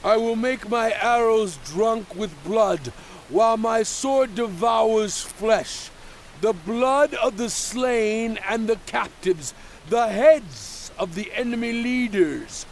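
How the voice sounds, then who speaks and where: An actor playing Moses as a solemn prophet in a dramatized scripture reading, declaiming in deliberate phrases. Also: male voice, sits high, animated, slight background noise, exaggerated voice. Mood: commanding, triumphant.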